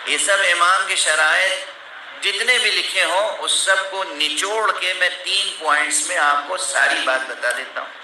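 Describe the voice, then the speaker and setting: A man preaching a sermon to a gathering, explaining points emphatically and breaking into scolding outbursts. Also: high voice. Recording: echoey hall from far off with noise.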